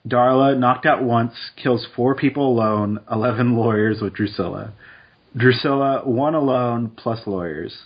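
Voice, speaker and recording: A man co-hosting a podcast in casual chat, relaxed and quick with asides. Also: mid-range voice, husky, dull audio. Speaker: podcast co-host. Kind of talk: casual chat, reading statistics aloud.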